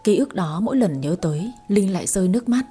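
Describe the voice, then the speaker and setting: A woman narrating a story as a reader for her audio channel, in a calm, even storytelling manner. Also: mid-range voice, fast talker, slightly rough, soft background music. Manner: calm, even storytelling with dialogue voiced lightly.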